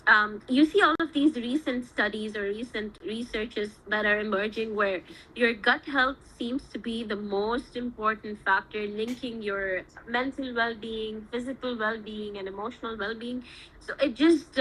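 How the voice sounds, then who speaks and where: A woman's voice: a little high, normal speed, fairly bright tone, slight background noise, low-quality recording. A woman in her twenties from Saudi Arabia, a medical student giving earnest, reflective interview answers at length.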